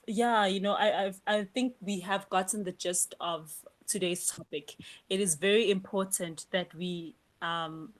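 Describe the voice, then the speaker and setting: A woman hosting a live audio discussion, friendly and chatty with many fillers. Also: mid-range voice. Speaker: host.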